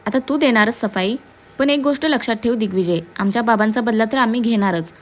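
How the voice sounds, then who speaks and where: Woman voicing a vengeful young woman in a storybook, taunting and cruel, fairly high voice, mocking drawl. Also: fairly quick, close to an everyday voice. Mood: angry. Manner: taunting, sing-song mockery mixed with English.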